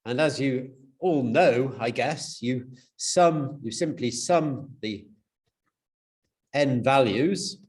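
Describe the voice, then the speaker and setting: A man's voice: medium pitch, lively intonation, slow, darkish tone. A man giving a university lecture, explaining step by step, with frequent fillers and restarts.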